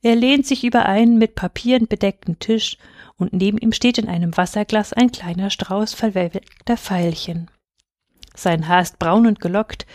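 A woman voicing a kind, sorrowful statue prince in a storybook reading, speaking gently and pleadingly. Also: medium pitch, no room sound, clean studio sound, natural voice.

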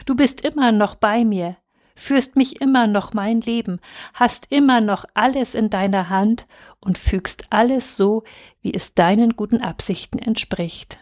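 Frightened little boy, soft and earnest, slow; a woman reads him in an audiobook. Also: fairly high pitch, close to an everyday voice. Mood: grateful. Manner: soft, earnest inner pleading. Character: small frightened boy, fearful yet trusting.

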